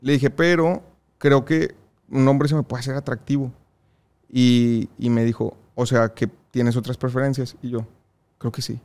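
Young man, mexican accent, casual storytelling, laughs a lot, lively. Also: mid-range voice, a little slow, smooth. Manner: lively, laughs often while telling stories. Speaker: podcast guest.

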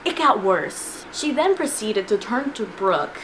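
A young woman, a student, telling a casual storytime vlog in a chatty, animated way with frequent laughs, filmed at home on a camera in her room. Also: mid-range voice, unhurried. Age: young adult. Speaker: vlogger. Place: bedroom with shelves of figurines, indoors. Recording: noisy home recording.

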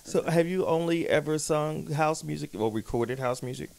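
Very deep-voiced woman host. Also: normal speed, vocal fry, darkish tone. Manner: encouraging, short affirmations. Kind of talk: casual live-stream interview.

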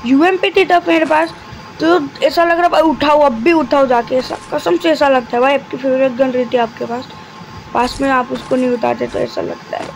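A man giving live commentary over his mobile game, talking deliberately quiet and chatty, constantly addressing his viewers. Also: very high voice, fairly even intonation, creaky, low-quality recording. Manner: talks deliberately quiet and soft; chatty, keeps addressing viewers as guys and brother.

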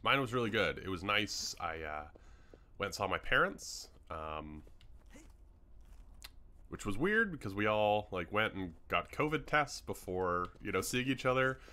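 A young Canadian gaming YouTuber gives a rambling, chatty commentary on a game build tour, packed with ums. His low-leaning voice is animated, a bit slow and sharp in tone, and he has hiccups while his voice is starting to go.

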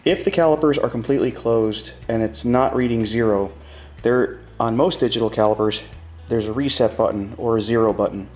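Demonstrating measuring tools in a relaxed hands-on tutorial, a middle-aged, plain-spoken machinist type walks through each step a little fast. His voice is medium-pitched, the recording is muffled, and faint music plays behind him.

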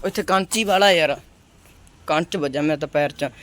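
A Punjabi man with a fairly high voice talks in a casual vlog style. He addresses viewers as friends and calls out to companions in colloquial speech. The handheld recording has faint noise and clicking. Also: moderate pace, a bit bright. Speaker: pigeon-keeping vlogger.

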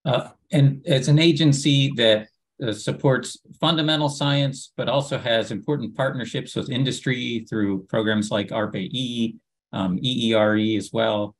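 A middle-aged man giving measured, formal panel remarks over a video call, with frequent "uh" fillers. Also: medium pitch. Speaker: agency official panelist. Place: home office, virtual green backdrop.

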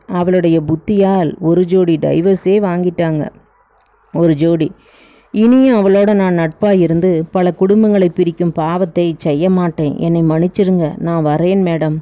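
A woman's voice: lowish voice, steady tone, a little slow, mellow, dry recording, natural voice. A woman voicing a remorseful young man who confesses and apologizes in a pleading way.

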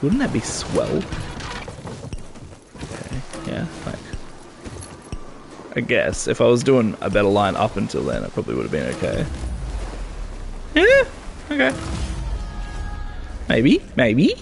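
A man's voice: lowish voice, wildly swooping pitch, moderate pace, vocal fry, long pauses, faint music behind. A man streaming a game, casually commenting, swearing and muttering to himself, congested and talking through his nose.

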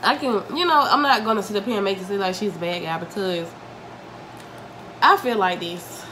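Here a young woman with a cold chats to viewers over a meal, mukbang style, indoors in her home dining room. Her mid-range voice moves at normal speed and sounds pushed and bright. The audio is poor, coming from a camera mic at table distance with noticeable room noise.

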